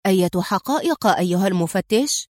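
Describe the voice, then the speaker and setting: A woman reading a calm, sarcastic male businessman under questioning, in an audiobook. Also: high voice, fairly quick, no room sound, studio quality, natural voice. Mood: calm mocking. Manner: calm, mocking.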